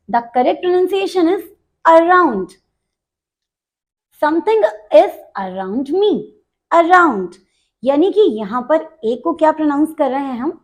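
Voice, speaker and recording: Slow, lively-voiced woman English teacher. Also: sits high. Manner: slow, explains step by step, repeats words for drill; mixes Hindi and English, addresses students directly. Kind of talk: pronunciation lesson.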